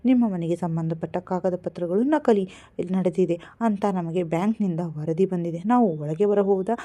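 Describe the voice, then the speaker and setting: A woman's voice: on the low side, normal speed, dark tone, lightly acted. A woman voicing a stern female detective in her fifties who questions firmly. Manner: firm, questioning.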